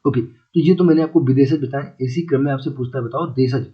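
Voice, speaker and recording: A man's voice: medium pitch, brisk. A man teaching a casual exam-prep Hindi lesson, repeating key words and asking listeners if they follow. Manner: repeats key words, asks checking questions; chatty, calls listeners brother and friends. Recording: slightly dull lo-fi audio.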